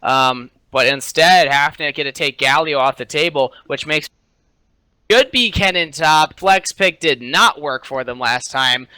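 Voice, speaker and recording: Male co-caster, bright and crisp, confident, dry close sound. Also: on the high side, a little slow, no echo, rough recording. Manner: confident, opinionated, hesitant fillers. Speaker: esports co-caster. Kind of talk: color commentary.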